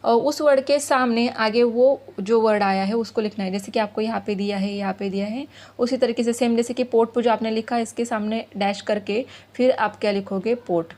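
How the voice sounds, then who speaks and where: A woman's voice: on the high side, fairly even intonation, normal speed, darkish tone. A woman teacher, patiently explaining a school lesson to children, reading words aloud and asking questions.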